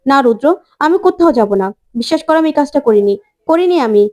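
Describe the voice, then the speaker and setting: A woman's voice: high voice, animated, fast, a little mellow. A woman voicing a scheming young wife who defensively denies the blame. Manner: defensive, pleading.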